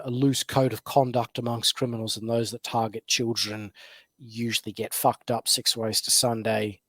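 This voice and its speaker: A man's voice: mid-range voice, no echo. Wry rambling man. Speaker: podcast co-host. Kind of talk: casual opinion chat.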